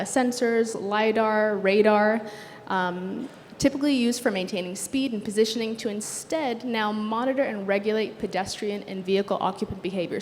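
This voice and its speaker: Speaking in a mid-range voice, a young Sudanese designer who grew up with Arabic delivers a conference talk in a big hall. She's earnest and measured, dropping the odd filler, while long reverb and faint noise fill the recording.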